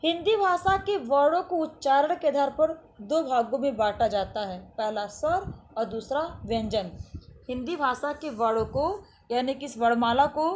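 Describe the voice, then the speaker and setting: A woman's voice: sits high, darkish tone. A woman teaching a lesson to children. She repeats each definition and asks and answers her own questions.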